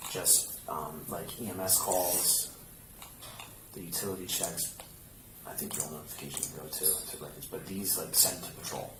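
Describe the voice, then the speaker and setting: A man with a fairly low voice gives casual, hands-on instruction as a police officer. He goes step by step and checks in often. The recording is roomy and distant, with clear background noise. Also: fairly even intonation, normal speed. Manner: explains step by step, checking with "right?". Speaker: police officer training a colleague. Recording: roomy, noisy, distant body camera pickup.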